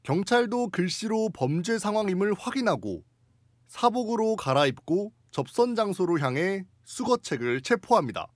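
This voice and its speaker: A man's voice: high voice, sing-song, moderate pace, no echo, studio quality. A man reading scripted news narration as a reporter.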